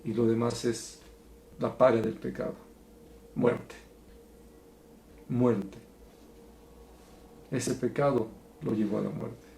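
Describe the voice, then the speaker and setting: Guy leading bible study, gravelly dark voice, roomy echo. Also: medium pitch, steady tone, slow pace, pauses often, a little hiss or hum. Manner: earnest, preacherly, swings between soft and emphatic. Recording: echoey room.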